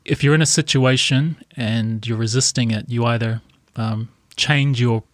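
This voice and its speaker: A man's voice: medium pitch, fairly even intonation, normal speed, no echo. Agreeable New man, dry close mic. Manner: agreeable, lists points with frequent "yeah" and "right". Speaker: podcast co-host. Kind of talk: casual conversational podcast.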